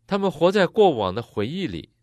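A man interpreting a sermon phrase by phrase, matching the preacher's expressive delivery. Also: on the high side, fairly quick, no echo, studio quality.

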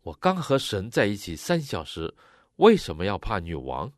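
Male interpreter, deep and animated, expressive, close dry mic. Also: moderate pace, no room sound. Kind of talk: consecutive sermon interpretation.

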